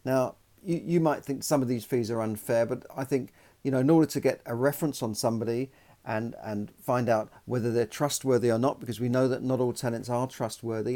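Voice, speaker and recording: Man, podcast host, landlord, rambling, indignant, relaxed mellow tone. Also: mid-range voice. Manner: indignant, rambling with many restarts and fillers. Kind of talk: solo podcast commentary.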